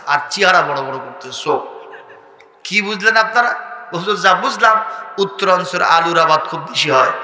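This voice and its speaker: A man with a Bogra Bengali accent preaching an Islamic sermon, calling out to the crowd for responses and swinging between soft talk and loud chanted shouts. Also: fairly high pitch, roomy sound, in a large hall. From Bangladesh.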